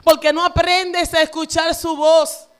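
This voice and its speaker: A woman's voice: very high-pitched, flat delivery, measured pace. A woman pastor, preaching a fervent sermon in a church with repetitive phrasing. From Dominican Republic.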